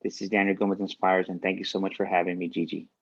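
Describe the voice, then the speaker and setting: A man's voice: deep voice, flat delivery, fast talker, highs cut off. A man giving a faith-based motivational speech as a guest speaker, repeating key lines for emphasis.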